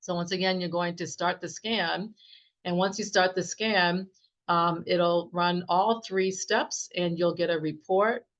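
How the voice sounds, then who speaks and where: A woman giving a casual, enthusiastic software demo as a naturopath, with many fillers and restarts and a slightly strained voice. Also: lowish voice, steady tone, measured pace. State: slightly losing her voice. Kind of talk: casual screen-share product demo. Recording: dull, muffled sound.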